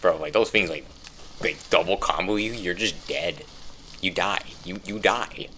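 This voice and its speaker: A young man giving rambling casual commentary while playing a game, breaking into loud frustrated outbursts. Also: sits low, unhurried, slight background noise. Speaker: gamer.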